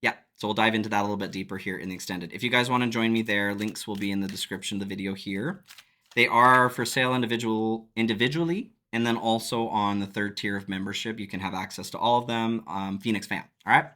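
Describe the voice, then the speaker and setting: Relaxed low-voiced male tarot reader. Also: quick pace. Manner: relaxed, reflective, laughs often. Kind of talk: casual spiritual tarot reading.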